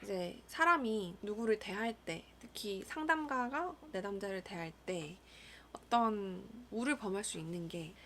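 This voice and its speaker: Young woman counselor, mid-pitched, musing gently aloud with a few whispered asides. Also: slight background noise. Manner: calm, thoughtful, measured, with soft whispered asides. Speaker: school counselor. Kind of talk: reflective solo monologue.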